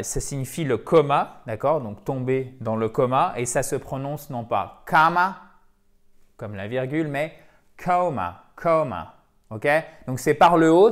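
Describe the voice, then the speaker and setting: A man teaching a video lesson for French speakers, lively and repeating words to drill their pronunciation. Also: mid-range voice. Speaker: English teacher.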